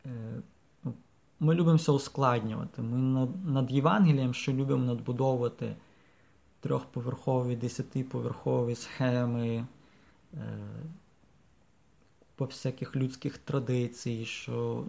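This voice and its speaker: Priest, male, podcast talk: gravelly, mid-pitched, halting and thoughtful, lots of filler words. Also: steady tone, warm tone. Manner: hesitant, many fillers and restarts; reflective, explaining by examples.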